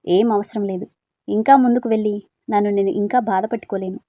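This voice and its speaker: A woman's voice: medium pitch, fairly even intonation, fairly quick, warm tone, no echo, clean studio sound, lightly acted. A woman voicing a brooding young man who breaks off with his lover in a curt, reproachful tone, read as part of a storybook. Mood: hurt, reproachful.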